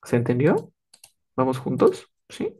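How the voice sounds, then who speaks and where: A man with a middle-pitched voice explains grammar to a live class. He is patient and checks often that students follow. He acts out small example dialogues. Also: huge pitch swings, measured pace, mellow, breathy edge. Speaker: English teacher.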